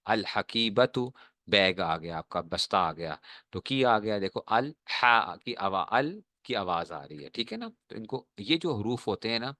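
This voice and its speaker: Man teaching a class, bright and dry. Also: lowish voice, expressive, no room sound. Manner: checks often that students understand, slow drawn-out examples. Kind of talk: classroom lesson.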